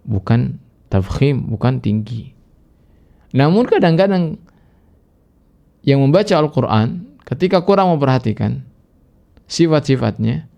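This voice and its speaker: A man with a gravelly, slightly rough voice teaches Quran recitation in a recorded lesson. He explains patiently and stretches example words into slow, careful chanting. The sound is a little dull and lo-fi. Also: medium pitch. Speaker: Islamic teacher.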